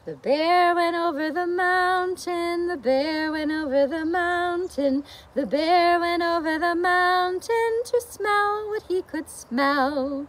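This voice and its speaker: Soft music plays behind a rough recording of a middle-aged woman whose very high-pitched voice moves slowly with hardly any pauses. Outdoors in a leafy garden, she reads and sings a picture book for young children in simple, singsong language, frequently asking them simple questions, with a camera or phone set a short distance away.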